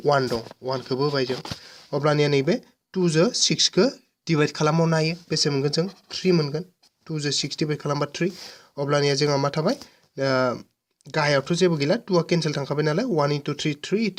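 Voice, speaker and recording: A male math teacher giving an exam-prep lesson, patiently explaining and asking questions that he then answers himself. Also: a little high. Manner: poses questions and answers them himself step by step.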